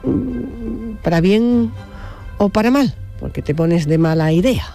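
A man hosting a live early-morning radio call-in show, chatty and quick with callers. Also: sits high, expressive, creaky, dark tone, soft background music. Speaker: radio host.

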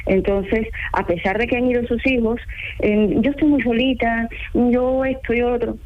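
A woman's voice: a little high, steady tone, moderate pace, phone-quality sound, a little hiss or hum. A talkative, earnest woman from Ecuador with an Ecuadorian accent, a home care assistant calling in to a radio interview. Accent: Ecuadorian Spanish. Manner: talkative, earnest, laughs easily.

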